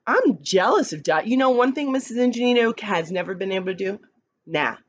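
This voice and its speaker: A woman who teaches kindergarten, reading picture books aloud slowly and expressively, with chatty asides to the children. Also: muffled recording. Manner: slow, expressive read-aloud with lively pitch, chatty asides.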